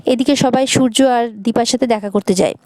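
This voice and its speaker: A woman's voice: on the high side, a little mellow, dry recording. A woman narrating a recap of a TV serial episode, reading every character's lines herself. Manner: brisk storytelling, reads all parts.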